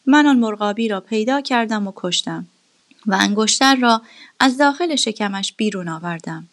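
A woman voicing a wise, patient royal vizier in a storybook reading, calm and measured. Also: medium pitch, lightly acted.

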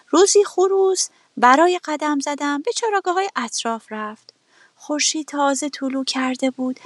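A woman narrating a children's fable in a gentle storybook manner. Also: high voice, no room sound. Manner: slow, gentle telling, voicing each animal.

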